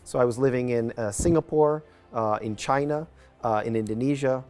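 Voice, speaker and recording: A man's voice: medium pitch, normal speed, darkish tone, soft background music. A man with an American accent, giving conversational interview answers as a club owner and investor guest. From United States, New Mexico.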